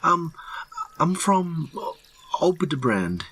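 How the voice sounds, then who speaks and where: A man's voice: a little high, sing-song, slow pace, fairly bright tone, husky, pitched above the performer's own voice, exaggerated voice. A man voicing a frightened lost male hiker in glasses, who stammers and pleads nervously. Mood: terrified.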